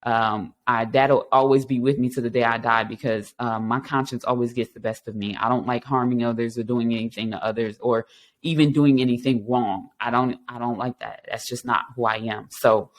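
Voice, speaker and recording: A man's voice: medium pitch, fairly even intonation, moderate pace. A man in his thirties hosting a recovery talk show, speaking earnestly and reflectively about his past and encouraging listeners, with frequent ums and restarts. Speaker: podcast host. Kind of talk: personal testimony and encouragement.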